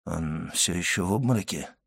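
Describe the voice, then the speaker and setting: A man's voice: low-pitched, normal speed, vocal fry, fairly bright tone, husky, pitched below the performer's own voice, exaggerated voice. A man reading a nervous, agitated prosecutor. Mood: alarmed. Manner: tense, exclaiming. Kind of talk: audiobook reading.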